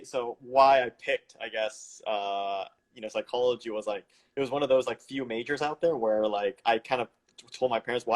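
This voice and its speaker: A man in his thirties from the San Francisco Bay Area answers questions over a video call. His voice sits a little low, and he rambles casually, full of "you know", "like" and false starts. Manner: rambling, with many fillers and restarts. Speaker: guest, company founder.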